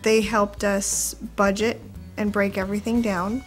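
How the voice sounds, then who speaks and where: A woman's voice: medium pitch, level tone, measured pace, soft background music. A woman giving a customer testimonial in a conversational style.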